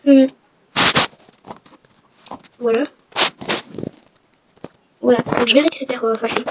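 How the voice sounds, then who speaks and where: A woman's voice: a little high, fairly even intonation, slow. A woman hosting a casual game walkthrough vlog, chatty and rambling, with self-mocking asides. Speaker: gaming video host. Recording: noisy with clicking sounds.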